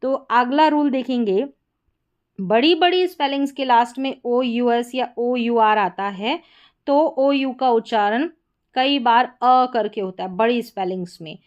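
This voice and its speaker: A woman teaching a pronunciation lesson, her voice fairly high and smoothly clear. She explains the rules patiently and stretches out each example word as she reads it. The recording sounds dull and lo-fi. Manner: slow, drawn-out reading of example words. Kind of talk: explaining and reading example words aloud.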